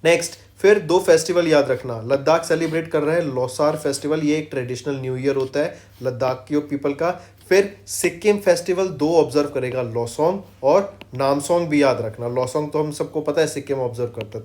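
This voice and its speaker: A man teaching an exam-prep current affairs lesson, switching between Hindi and English, quizzing students with quick questions and answering them himself. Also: a little high, a little mellow. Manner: drills facts with quick quiz questions and repeats, mixing English phrases into Hindi; slows right down to read English lines word by word.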